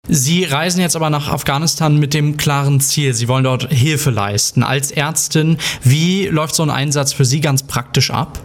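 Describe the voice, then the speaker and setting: A man's voice: a little high, fairly even intonation, moderate pace, few pauses. A man hosting a radio show and interviewing a guest, with a polished, upbeat presenter delivery. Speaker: radio host. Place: radio studio. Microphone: studio mic.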